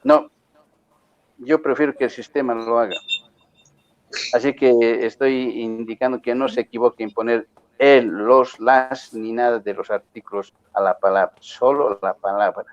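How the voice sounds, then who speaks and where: A man's voice: medium pitch, steady tone, measured pace, no echo, lo-fi sound. A man teaching a university class, giving firm instructions and checking in with the students again and again. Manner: firm, repeats points with rhetorical checks. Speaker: university lecturer.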